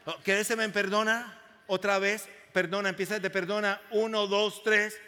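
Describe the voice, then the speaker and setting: A man's voice: high-pitched, little pitch movement, moderate pace, sharp tone. A man preaching a sermon to a congregation, emphatic and full of questions to the crowd. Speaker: pastor. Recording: long hall reverb.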